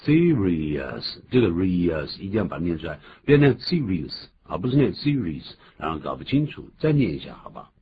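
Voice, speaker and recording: A deep-voiced man teaches English on the radio, his pitch swinging widely as he punches out key words. The recording is muffled and lo-fi, with a faint hiss underneath. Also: fast. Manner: animated, jumps to high emphatic pitch on key words.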